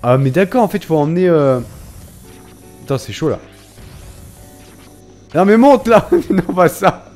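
An excitable man doing casual game commentary in a fairly high voice that leaps up and down. He talks in slang, cries out and swears at the screen, and reads the game's instructions aloud. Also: measured pace, long pauses, faint music behind. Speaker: gaming video creator. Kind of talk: casual let's-play commentary.

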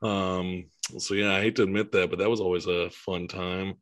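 A man co-hosting a podcast, chatting casually in a loose, laid-back way. His voice sits low and he laughs easily between remarks. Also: flat delivery, normal speed, a bit bright. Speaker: podcast co-host. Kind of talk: casual chat.

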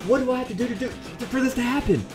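A man commentating his own game play as a YouTuber, excitable, pleading and quickly exasperated over his luck. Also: very high voice, music in the background. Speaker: gaming YouTuber.

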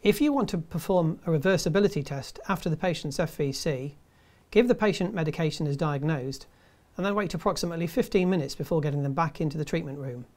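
A man in his fifties presenting a scripted tutorial in a measured, step-by-step way. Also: a little high, a little mellow. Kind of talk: scripted instructional narration.

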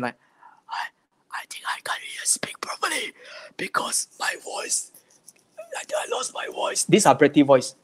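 A man's voice: a little high, a little mellow. A man working as a speech therapist, giving a slide-based health talk in a plain, explanatory way and often repeating words.

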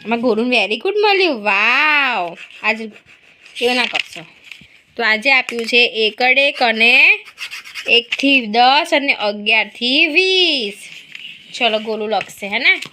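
A woman's voice: on the high side, animated, slow, noisy background. A young woman from Gujarat, a mother vlogging at home, talking to her small child and the camera in a playful, teasing, coaxing sing-song way. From Gujarat, India. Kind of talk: casual home vlog chat.

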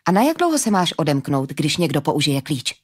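A woman reading an audiobook, voicing a sharp, resourceful young woman who speaks briskly and with determination. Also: low-pitched, sing-song, husky, pitched below the performer's own voice, full character voice. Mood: determined.

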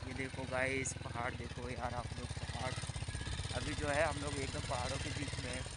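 A man's voice: medium pitch, moderate pace, heavy background noise. A young man vlogging from a motorbike on country roads, chatting casually, joking with friends and breaking into bits of song. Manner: excited, joking banter, singing snatches while riding. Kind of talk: casual chat.

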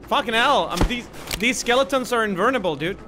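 A man's voice: very high voice, lively intonation, fast talker, very noisy. A man from Sweden in his late twenties, playfully trolling other players while streaming from home. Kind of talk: casual streaming chat.

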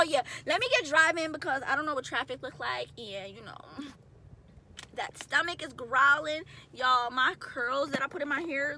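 A woman's voice: sits high, pushed and bright, a little hiss or hum. A woman in her mid twenties talking casually to camera in a vlog, chatty, slangy and emotional. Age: 20s. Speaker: vlogger. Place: in a car.

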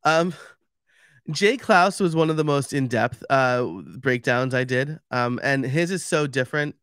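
A man with a medium-pitched, slightly bright and clean voice talks at a measured pace. He's a podcast expert hosting a livestream in a New York accent, casual and chatty, going step by step with frequent fillers. The sound is dry and studio-clean.

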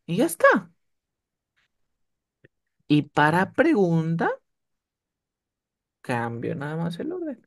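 A man teaching English one-on-one over a video call, often checking that his student is following. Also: fairly high pitch. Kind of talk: one-on-one online tutoring.

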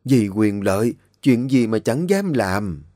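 Man voicing an elderly woman, suspicious, slow-spoken. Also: lowish voice, sing-song, dark tone, dry recording, studio quality. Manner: slow, probing, stammering when shocked. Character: shrewd elderly woman, suspicious old friend.

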